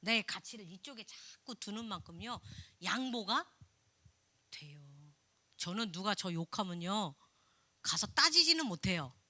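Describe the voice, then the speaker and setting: A middle-aged woman, a pastor's wife, preaching a sermon in a lively, expressive way, acting out quoted voices and laughing often. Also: medium pitch, moderate pace. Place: church sanctuary.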